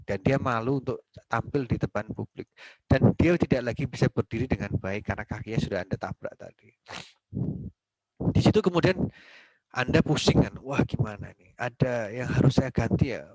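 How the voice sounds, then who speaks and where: A man of ordinary pitch teaching a law class, chatty and animated as he poses questions to the students and answers them himself. He slips into short acted-out exchanges to make his points. The sound is dry and close, with no room echo. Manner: conversational, asks and answers own questions, acts out dialogue. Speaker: law lecturer. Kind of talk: university lecture.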